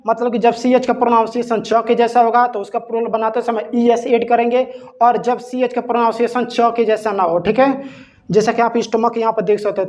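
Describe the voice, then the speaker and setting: A man's voice: extremely high pitch, a little mellow. A man teaching an English grammar lesson, asking rhetorical questions and spelling words out letter by letter. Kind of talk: classroom-style grammar lesson.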